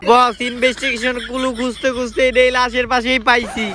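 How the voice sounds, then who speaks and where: A man playing a brisk, exasperated junior policeman in an amateur comedy skit, urgent and scolding. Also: extremely high pitch, little pitch movement, pushed and bright, soft background music. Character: brisk, exasperated junior policeman, nagging his timid boss.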